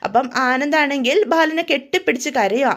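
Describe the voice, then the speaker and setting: Lady narrating a soap plot, chatty, high voice. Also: a little fast, a bit bright. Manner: chatty, friendly asides to listeners. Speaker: storyteller. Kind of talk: casual retelling of a TV serial.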